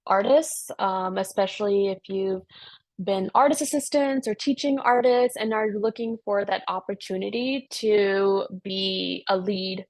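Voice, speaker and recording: A woman's voice: mid-range voice, unhurried, no room sound. A woman, a project manager, presenting a program over a video call in an easygoing way with many fillers.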